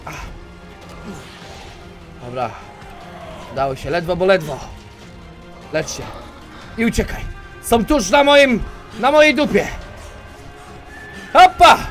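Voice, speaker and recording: A man giving let's play commentary, talking to himself and switching between low mutters and sudden yelps. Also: takes it slowly, long pauses, faint music behind. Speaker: gaming YouTuber.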